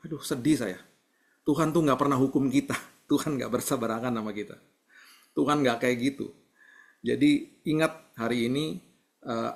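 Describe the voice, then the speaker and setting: A man preaching a sermon over a video call, speaking gently and conversationally and mixing in English words. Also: medium pitch. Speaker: pastor.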